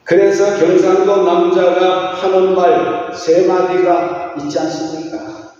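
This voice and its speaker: A middle-aged male pastor delivers a sermon in a folksy, sing-song cadence, tossing rhetorical questions to the pews. His voice sits slightly high yet sounds mellow and dark. It carries through a big, reverberant church hall from a mic some distance away, with a dull, muffled tone. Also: flat delivery, takes it slowly. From Gyeongsang region, Korea. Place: church sanctuary.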